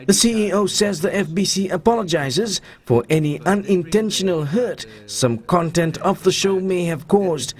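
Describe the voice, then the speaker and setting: A male news reporter delivers scripted narration. His voice is distinctly high-pitched for a man. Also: normal speed, few pauses.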